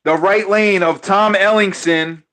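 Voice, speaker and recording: High-voiced excited male race caller. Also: a little slow. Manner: excited, repeats his calls, stumbles over names. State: losing his voice. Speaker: race commentator. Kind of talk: live play-by-play commentary on a diecast car race.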